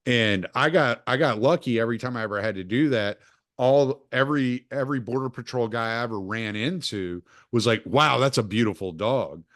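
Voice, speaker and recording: A man hosting a casual interview podcast, talking in an opinionated, lively way. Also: medium pitch, normal speed, no room sound, clean studio sound. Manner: opinionated, animated when quoting others. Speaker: podcast host. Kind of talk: casual conversation.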